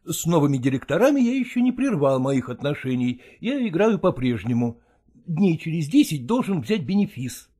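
A guarded, irritable middle-aged stage actor, as the male narrator voices him in an audiobook. He lectures sternly and dodges questions, and his pitch rises and falls widely. The voice sits a little higher than usual for a man. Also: big pitch swings, moderate pace, dark tone, husky. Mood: stern, irritated. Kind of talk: audiobook character voicing.

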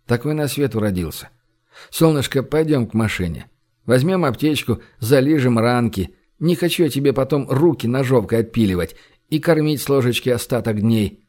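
A man reading an audiobook, voicing a calm young man who jokes dryly and speaks gently. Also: mid-range voice, normal speed, natural voice. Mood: gentle. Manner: dry, half-joking, gentle.

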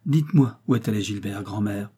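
A man's voice: lowish voice, brisk, warm tone, breathy edge. A man reading a storybook voices an impulsive, determined young woman who asks urgent questions.

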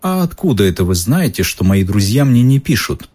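A man voicing an earnest, anxious schoolboy wizard in his own husky voice. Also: on the low side, very animated, normal speed, darkish tone. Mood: upset. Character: worried, stubborn schoolboy wizard.

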